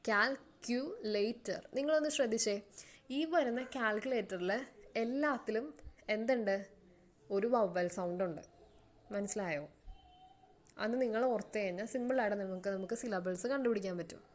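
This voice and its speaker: A woman teacher with a Malayali accent and a medium-pitched, darkish voice explains an English lesson to her students. She goes slowly, repeating words so they can keep up.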